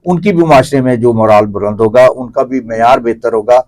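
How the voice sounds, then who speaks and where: As a theatre commentator being interviewed, a middle-aged Pakistani man speaks in a slightly mellow, mid-range voice. He lays out his opinions at length and tends to repeat phrases in a chatty way.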